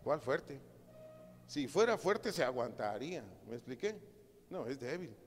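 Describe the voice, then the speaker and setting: Un pastor con acento mexicano que predica un estudio bíblico en tono conversacional y hace preguntas a la congregación. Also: male voice, mid-range voice, big pitch swings, normal speed, faint music behind. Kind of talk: sermon Bible study. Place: church hall. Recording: reverberant church hall.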